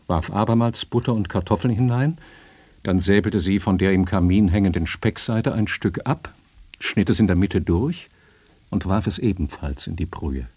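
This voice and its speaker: A man narrating a literary story in a measured, even storytelling manner. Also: low-pitched, husky, dry recording.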